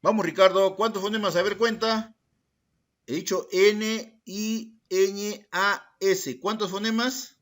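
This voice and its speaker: Speaking slowly in a high, fairly bright voice with fairly even intonation, this male secondary school language teacher runs his class. He names students to answer, echoes what they say, and asks rhetorical questions in the students' own voice.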